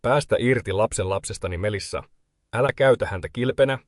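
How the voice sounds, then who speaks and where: A man voicing an unshakable widowed grandmother who speaks calmly and coldly. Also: on the low side, dry recording, clean studio sound, close to an everyday voice. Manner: calm, clipped, cold. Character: cold, unshakable widowed grandmother, older woman.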